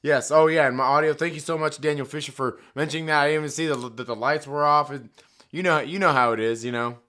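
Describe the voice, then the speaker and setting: A man hosts a live stream with a hoarse voice, chatting casually and profanely, cracking jokes and reading chat aloud. His voice is a little high, steady and quick, with a pushed, bright quality.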